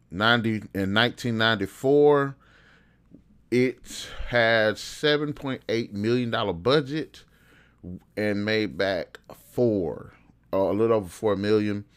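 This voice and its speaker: Clear and resonant, his low voice carries a video host in his thirties who reviews films based on video games. He talks off the cuff, wandering between opinions in a relaxed, conversational manner.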